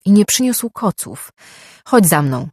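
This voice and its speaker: A narrator voicing a wary, sharp-tongued young woman who gives brisk directions in a slightly raised voice. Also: medium pitch, very animated, no room sound, studio quality, pitched above the performer's own voice.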